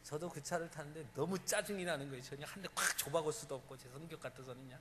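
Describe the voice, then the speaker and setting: A man's voice: a little high, fast. A man preaching a sermon as pastor, telling stories emphatically and acting out the quotes. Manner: emphatic storytelling with acted quotes. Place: church sanctuary. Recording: church hall reverb, faint room noise.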